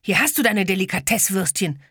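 A woman voicing a curious, plucky young boy who asks lively questions. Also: mid-range voice, moderate pace, husky, no room sound, clean studio sound, voice pushed up, full character voice. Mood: defiant.

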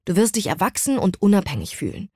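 A woman's voice: mid-range voice, big pitch swings, fast talker, a little mellow, slightly rough, dry recording, clean studio sound. Woman doing a matter-of-fact young woman. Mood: exasperated. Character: sensible, exasperated young woman.

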